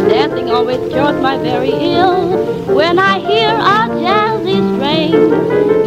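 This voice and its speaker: A woman's voice: very high voice, low-quality recording. A woman singing a bouncy, playful jazz song, heard from an old 1920s gramophone recording. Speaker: singer. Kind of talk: jazz song, sung and half-spoken.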